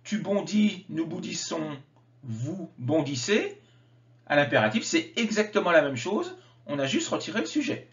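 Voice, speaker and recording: A man gives a grammar lesson in a high, measured voice, pronouncing each example form slowly and deliberately. The recording sounds slightly dull and lo-fi. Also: very animated. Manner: slow, careful enunciation of example words. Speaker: French teacher.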